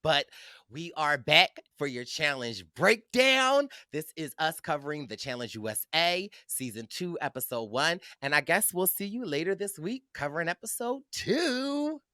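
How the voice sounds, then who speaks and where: A man co-hosting a podcast, telling stories in an animated, theatrical way. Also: a little high, normal speed, dry recording, studio quality. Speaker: podcast co-host. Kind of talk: casual podcast chat.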